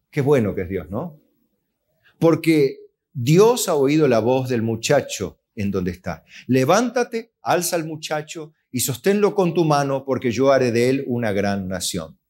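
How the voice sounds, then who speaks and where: A man's voice: mid-range voice, a little mellow. A man with an Argentine Spanish accent, a pastor preaching a sermon, asking the congregation questions and answering them himself, and acting out voices of God and of complaining believers.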